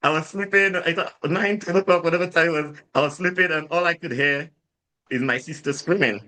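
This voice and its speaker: A drinks brand founder from Saint Lucia, speaking with a Saint Lucian accent on a podcast mic, tells his story as an interview guest. His voice sits on the high side and moves briskly; he rambles casually with many fillers and restarts, growing animated as he retells events.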